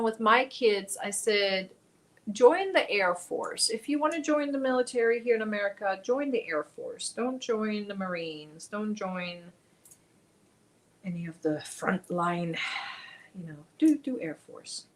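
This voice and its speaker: Lively in intonation but a little slow, a medium-pitched German woman hosts a casual crochet stream. She chats while working, reads comments from her audience aloud, and mutters as she counts stitches.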